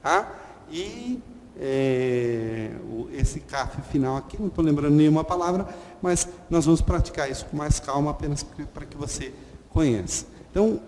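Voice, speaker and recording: A man teaches at an unhurried, deliberate pace. His fairly high voice carries a long reverb. A faint hiss sits under the recording. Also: darkish tone. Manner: slow, patient, repeats letter sounds, frequent "ok?". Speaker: Hebrew teacher. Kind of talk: online lesson at a whiteboard.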